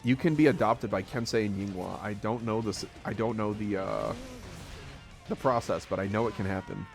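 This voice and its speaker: Man, esports commentator, casual live play-by-play, rambling, chuckles a lot, slightly low voice. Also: moderate pace, gravelly, soft background music. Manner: rambling, chuckles often, self-deprecating. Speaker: tournament commentator.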